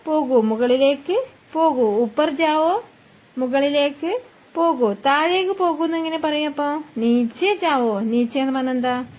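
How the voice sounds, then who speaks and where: A woman gives a slow language lesson. She speaks at an unhurried pace and patiently repeats every phrase several times, her voice sitting high. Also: a little mellow. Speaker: Hindi teacher.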